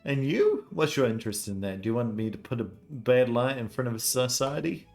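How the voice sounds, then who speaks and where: A pompous, gossipy noble aunt, put on by a man with a raised, loud voice. She speaks in theatrical, scandalized exclamations. Soft game music plays faintly behind. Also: medium pitch, lively intonation, fairly quick, gravelly, pitched above the performer's own voice. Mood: threatening. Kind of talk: voicing video game dialogue.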